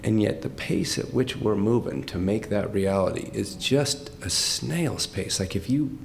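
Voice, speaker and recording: An older man speaks at a tribute event in a somewhat low voice, moved close to tears. He stops and restarts often, laughing through the emotion. A faint hum of room sound sits behind him. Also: lively intonation, unhurried, creaky. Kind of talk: heartfelt off-the-cuff remarks.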